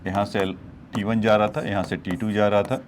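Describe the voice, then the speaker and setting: A man's voice: fairly low pitch, level tone, moderate pace, a little hiss or hum. A male physics teacher working through problems on a board, explaining each step and addressing his students as children. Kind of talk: whiteboard problem-solving lecture.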